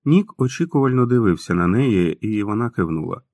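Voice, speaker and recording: Low voiced guy reading an audiobook, calm and steady, dead dry recording. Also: a little fast, dry recording. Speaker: audiobook narrator. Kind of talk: scripted narration.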